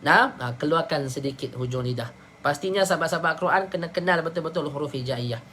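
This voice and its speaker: A woman with a Malaysian Malay accent teaching Quran pronunciation in a live online lesson, patiently drilling syllables slowly for her students to repeat. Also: low voice, very noisy.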